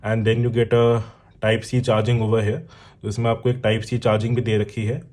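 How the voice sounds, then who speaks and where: His voice sits on the low side, level and darkish, delivered at a measured pace with an Indian accent. This motorcycle vlogger and product reviewer does a casual, explanatory unboxing in mixed Hindi and English, addressing the viewer directly with examples and check-ins.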